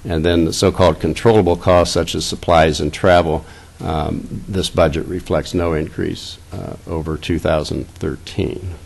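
A man in his fifties presenting a school budget at a public board meeting, seated at a dais and speaking into a desk microphone, halting and repeating words as he reads out figures. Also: deep voice, fairly even intonation, creaky, a little mellow, husky. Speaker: school district finance officer.

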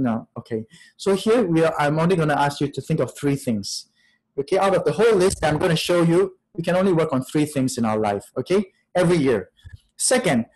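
A man's voice: fairly high pitch, low-quality recording. Man, fifties, priest, spiritual talk, reflective, questioning, webcam video call, small room. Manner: reflective, asks many questions, laughs softly. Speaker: priest giving a retreat talk. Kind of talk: spiritual talk to an online audience. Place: small room, in front of a plain wall.

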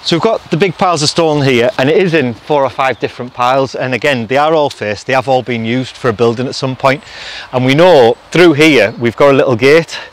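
A middle-aged man with a mid-range voice walks through a forest, briskly speculating and explaining things in a casual vlog. He hosts a channel about restoring a château, and slight background noise is audible.

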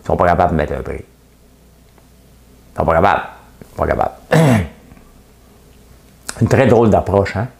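A man's voice: deep voice, lively intonation, measured pace, creaky, pauses often, a little mellow. A middle-aged man with a Québécois accent giving a casual, opinionated monologue as the host of his own show, joking and sarcastic, full of "tu sais". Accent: Québécois French. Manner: chatty, sarcastic, jokes at his own expense, frequent "tu sais". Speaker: host of a daily commentary show.

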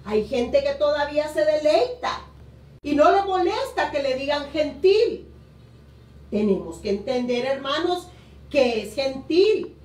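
A middle-aged woman from Honduras, a pastor, preaching a sermon with emphatic, drawn-out key words from a room at home on a webcam. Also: sits high, animated, a little mellow. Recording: roomy echo, voice a bit distant.

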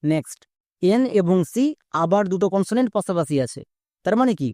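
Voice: mid-range voice, lively intonation, a little fast, a little mellow, dry recording, studio quality. A teacher giving a spoken lesson on breaking long words into parts for pronunciation. The teacher explains step by step and keeps checking that the listener is following. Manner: instructive, repeats steps and quizzes the viewer.

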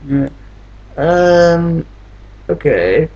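A gamer gives casual commentary on their own play, mumbling to themselves and often repeating phrases. The voice is mid-range, animated, very slow, and a little mellow, and the recording is muffled.

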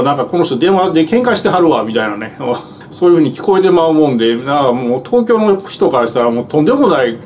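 Rambling Kansai-accented man, lively pitch. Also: a little hiss or hum. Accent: Kansai Japanese. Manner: rambling, filler-heavy storytelling in broad dialect. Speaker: truck driver telling stories. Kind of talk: casual monologue to viewers.

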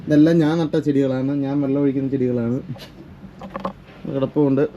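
A man's voice: mid-range voice, flat delivery, moderate pace, dark tone, muffled recording, slight background noise. A young man from chatting casually to his viewers in a home vlog, teasing and talkative. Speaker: vlogger. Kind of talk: casual family vlog chat.

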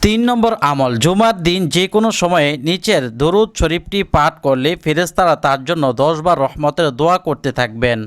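Male religious teacher, fairly high, smooth resonant voice, careful instructional delivery that explains pronunciation step by step. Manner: drawn-out Arabic recitation for learners to repeat. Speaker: Islamic teacher. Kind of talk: religious lesson on prayers and pronunciation.

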